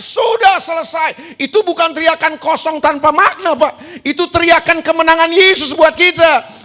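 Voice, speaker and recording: A male pastor delivers a sermon in a very high, bright, forceful voice. He asks his listeners question after question, answers them himself and hammers key words home through repetition. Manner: repeats key words with emphasis.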